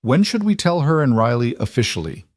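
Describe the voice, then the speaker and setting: A man's voice: mid-range voice, big pitch swings, brisk, no echo, studio quality, pitched above the performer's own voice, close to an everyday voice. A man voicing a woman overwhelmed with happy tears, speaking earnestly in a storybook reading. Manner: softly tearful, earnest. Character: emotional woman, newly engaged fiancée.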